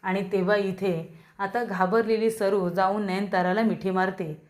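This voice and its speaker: A woman's voice: mid-range voice, fairly even intonation, unhurried. A woman narrating a recap of a TV serial episode and addressing viewers directly.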